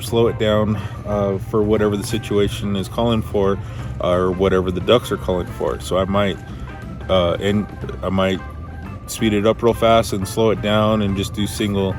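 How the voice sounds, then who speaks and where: A man giving a casual, instructional how-to as a hunting teacher, talking in a halting way as he thinks aloud. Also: on the low side, fairly even intonation, music in the background. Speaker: duck calling instructor.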